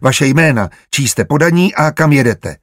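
A man voicing a gruff older bailiff who barks out blunt questions. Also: mid-range voice, big pitch swings, dry recording, studio quality, exaggerated voice. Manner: barking, blunt.

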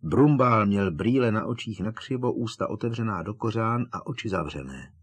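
A man reading an audiobook as the narrator, telling the story in a steady, dramatic way. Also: on the low side, husky. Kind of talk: scripted narration.

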